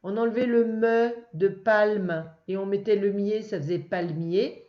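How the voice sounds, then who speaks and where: A woman teacher going over answers for a young child, speaking patiently, slowly and clearly. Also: medium pitch, fairly even intonation, reverberant, muffled recording. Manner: patient, slow and clear, addressing one child. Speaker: first-grade teacher. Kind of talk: recorded lesson for a young child.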